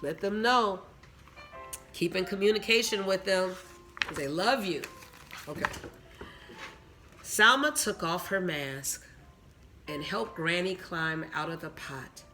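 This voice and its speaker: A woman reads a storybook aloud at an unhurried pace, her voice rising and falling with lively expression. She drops into chatty asides to the listeners between lines, and her tone is bright and clear. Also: fairly low pitch, soft background music. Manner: gives moral advice to teens. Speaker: storyteller reading to young listeners. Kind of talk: reading a picture book aloud with asides.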